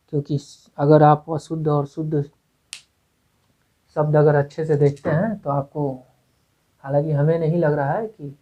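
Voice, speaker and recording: A male Hindi grammar teacher giving an exam-prep lecture. He repeats words, asks himself rhetorical questions and keeps checking in with "okay". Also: a little high. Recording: tinny phone-like lo-fi audio.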